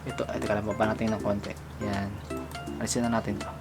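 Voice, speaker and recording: A man's voice: fairly low pitch, level tone, fast talker, over music. A man from the Philippines giving a casual, chatty language tutorial, laughing and thinking aloud as he goes.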